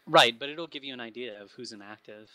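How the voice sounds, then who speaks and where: A man's voice: medium pitch, brisk, pushed and bright, a little hiss or hum, poor audio. A man in a casual gaming clan voice-chat meeting, speaking hesitantly and apologetically.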